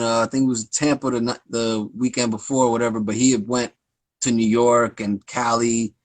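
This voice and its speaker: A man hosting a casual live-stream interview, telling stories in an excited, rambling way. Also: mid-range voice, no echo, low-quality recording. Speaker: host. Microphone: phone on a live stream.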